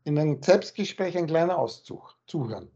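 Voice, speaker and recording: A man on a video call, explaining spiritual texts in a rambling, circling way, repeating words and slowing down to stress single ones. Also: a little high, lively intonation, warm tone. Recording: muffled call audio.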